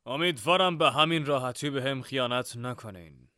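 Sneering young rival, bright dry voice, storybook, read by a man. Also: mid-range voice, clear, resonant tone, no echo, lightly acted. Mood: mocking. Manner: cold, sneering. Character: cold, mocking young male rival.

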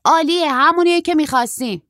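A woman's voice: no room sound, clean studio sound. A woman voicing a short, stocky young male surfer who is eager and carefree. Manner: excited, quick, high-pitched boyish delivery.

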